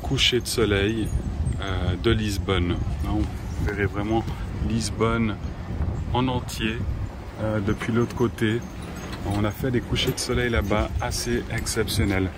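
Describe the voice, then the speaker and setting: Slow man vlogging outdoors. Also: fairly low pitch, little pitch movement, background noise. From Switzerland. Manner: slow, hesitant with many fillers. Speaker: French teacher vlogger. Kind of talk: casual vlog narration. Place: outdoors at a zoo.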